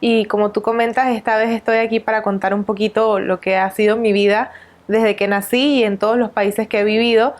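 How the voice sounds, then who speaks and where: A woman in her thirties from Venezuela, a nutritionist guest in an interview, calmly recounting her life in many countries. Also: medium pitch, fairly quick. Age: 30s. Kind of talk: interview storytelling.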